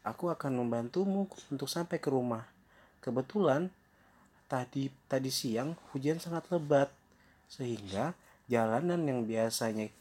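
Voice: mid-range voice, darkish tone, husky. A storyteller voicing a sly wolf who poses as a sick grandmother, making excuses and fumbling his answers.

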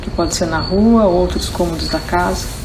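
A woman's voice: fairly low pitch, noisy background. Brazilian woman guiding meditation, insects chirping behind. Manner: slow short instructions with long pauses. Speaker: meditation instructor. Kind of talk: guided meditation and relaxation instruction.

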